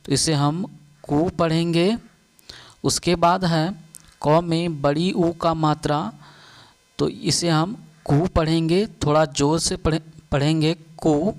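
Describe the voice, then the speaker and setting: Slow, deliberate male teacher. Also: on the high side, poor audio. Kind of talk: slow classroom-style lesson, reciting letters.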